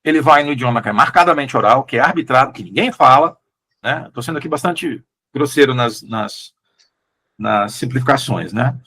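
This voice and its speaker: A Brazilian man, a literary translator, talking through his choices in a relaxed interview, with frequent restarts and questioning tags. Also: medium pitch, moderate pace, breathy edge. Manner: thoughtful, hesitant, many restarts and "né?" tags. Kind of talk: casual conversational interview.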